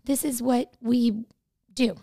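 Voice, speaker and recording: A woman co-hosting a casual podcast discussion, animated and talking over others, often acting out what people say. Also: on the high side, slow, dry recording, clean studio sound. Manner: animated, talks through others, acts out quotes.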